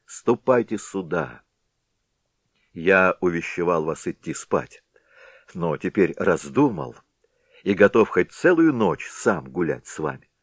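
A defiant young village lad from a storybook tale, mocking and stirring up his friends with a lively, swinging voice. A man voices him while reading. The recording is dry. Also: low-pitched, slow pace, no room sound, full character voice. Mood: rousing. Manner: mocking, rousing.

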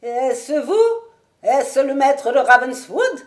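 A quavering, fretful old manservant, as a woman reader puts him on, fussing over his master in a slow, high, raised voice. His talk is drawn out and anxious, as in a storybook reading. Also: animated, mellow. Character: trembling old male castle servant, fussy and anxious.

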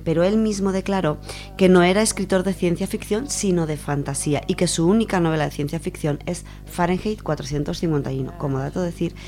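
Soft music plays behind a woman from Spain with a lowish voice and dark tone who speaks fairly quickly. She's presenting on radio, delivering an informal, semi-prepared explanation and restating points as she goes.

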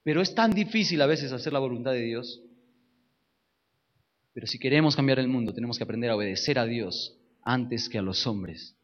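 A man's voice: mid-range voice, normal speed, long pauses, muffled recording. A man preaching a sermon with emphasis, repeating key phrases and putting questions to his listeners.

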